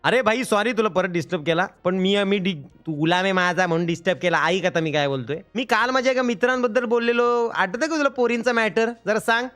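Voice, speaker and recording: A man's voice: high voice, quick pace, hardly any pauses, a bit bright, soft background music. A man hosting a live stream, bossing around and teasing a voice assistant in joking chat. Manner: bossy, teasing, repeats commands.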